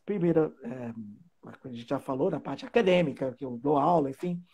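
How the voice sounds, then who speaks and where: Husky man, searching for words. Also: on the high side, sing-song, normal speed, warm tone. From Trinidad and Tobago. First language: English. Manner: hesitant, searching for words, with many fillers. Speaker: guest language teacher. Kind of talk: casual live chat.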